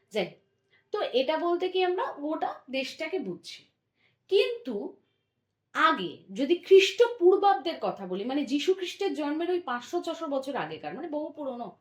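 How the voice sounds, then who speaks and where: Lively high-voiced woman teaching history. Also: reverberant. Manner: explains step by step, often checks understanding with a tag question. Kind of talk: school history lesson.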